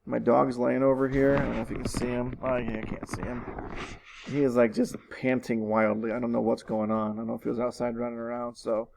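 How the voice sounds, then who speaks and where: Gravelly-voiced male teacher. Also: medium pitch, little pitch movement, a little fast, noisy background. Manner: patient, repeats instructions, talks to students. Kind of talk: recorded online lesson walkthrough. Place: living room at home.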